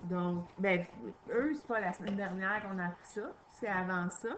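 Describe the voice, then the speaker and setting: A woman's voice: mid-range voice, steady tone, moderate pace, slight background noise, poor audio. A woman teacher, patiently taking young children through a reading lesson and spelling out sounds.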